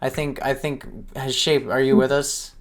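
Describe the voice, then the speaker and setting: A woman hosting an animation festival livestream, chatting casually, excited and often swearing. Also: very deep voice, moderate pace. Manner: excited, laughing, profane.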